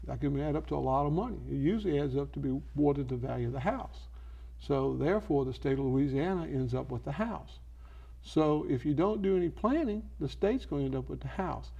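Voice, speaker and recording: A man's voice: a little high, lively intonation, fairly quick, gravelly, warm tone, husky, dull audio. A man speaking as an advising expert in an infomercial interview, explaining didactically by posing questions and answering them himself. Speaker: elder law expert giving advice.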